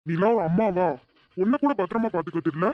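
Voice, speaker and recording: A woman's voice: fairly low pitch, quick pace, no room sound, dull audio, natural voice. A woman playing a tired, grumbling middle-aged father who scolds his family.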